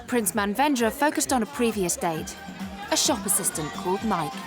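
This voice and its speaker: A woman giving scripted documentary narration in a brisk, even manner. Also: mid-range voice, loud music behind the voice, a loud crowd.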